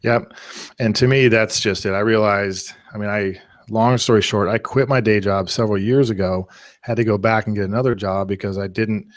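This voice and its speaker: A man presenting a live online marketing class, talking in an energetic, conversational way with analogies. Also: on the low side, moderate pace, dry recording, studio quality. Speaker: webinar presenter.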